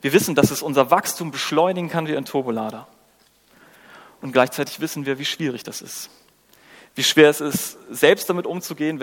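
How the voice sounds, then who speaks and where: Male preacher, conversational sermon, fairly high voice, long hall reverb. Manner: engaging, asks rhetorical questions, acts out quotes.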